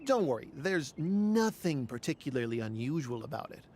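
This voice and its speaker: An actor playing a smooth-talking adult male loan shark in a video game, with breezy, persuasive patter. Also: fairly high pitch, very animated, normal speed, darkish tone, a little hiss or hum. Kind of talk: game voice acting.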